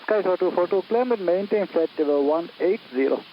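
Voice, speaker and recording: A man's voice: high-pitched, expressive, brisk. A male air traffic controller giving terse instructions in clipped phraseology over an aviation radio, like a helmet radio. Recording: dull lo-fi radio with faint hiss.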